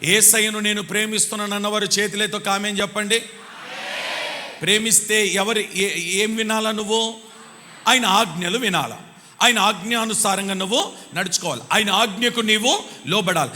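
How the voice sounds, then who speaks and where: A man preaching a live sermon in a church, calling on the congregation to answer louder and repeating verse references. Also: high-pitched, normal speed, long pauses, a little hiss or hum. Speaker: pastor. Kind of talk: live Sunday sermon with call-and-response. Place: church hall. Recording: long church hall reverb.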